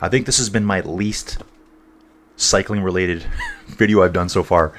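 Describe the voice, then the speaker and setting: Low-voiced man chatting through a cycling livestream. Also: moderate pace, a little hiss or hum. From North East England. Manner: rambling, chatty, addresses viewers as dude and guys. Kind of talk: casual live commentary and chat reading.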